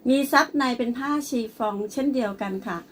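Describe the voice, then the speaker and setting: A woman's voice: a little high, fairly quick, a little hiss or hum. A woman presenting and selling a blouse, speaking politely and addressing the customer often. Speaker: online clothing seller. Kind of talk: product showcase sales pitch.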